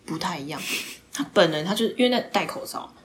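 A young woman, hosting a podcast and telling a story in casual chat, animated, swearing casually and dropping into whispered asides. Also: lowish voice, quick pace. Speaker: podcast host.

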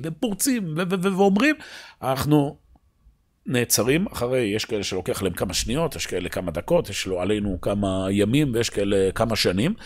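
A man's voice: medium pitch, breathy edge. A man teaching a religious lesson, asking his listeners rhetorical questions and often restarting his words. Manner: many restarts and repeated words. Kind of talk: Torah lesson.

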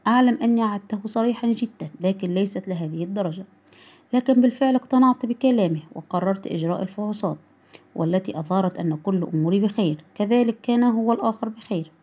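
A woman narrating a short story in the first person, reading calmly and at a measured pace. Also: mid-range voice.

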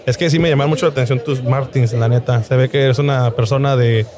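A man with a Mexican accent co-hosts a casual street podcast in relaxed, slangy banter. His voice sits at an ordinary middle pitch. A busy crowd murmurs behind him. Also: quick pace. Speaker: podcast co-host. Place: outdoors at a busy bar. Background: crowd chatter.

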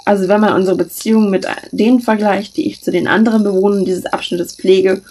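A woman's voice: medium pitch, fairly even intonation, a little fast, dark tone, lightly acted. A woman reading aloud and voicing a mischievous young woman who teases her friend with dry, mocking banter. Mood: teasing.

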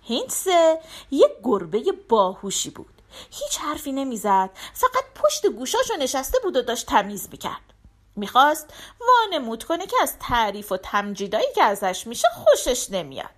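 A woman narrating a folk tale in an expressive, animated storytelling manner. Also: high voice.

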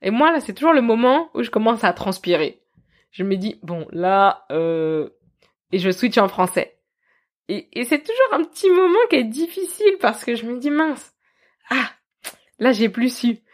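Lively woman narrating a podcast. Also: fairly high pitch, moderate pace. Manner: lively, self-mocking, laughs often. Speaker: podcast host.

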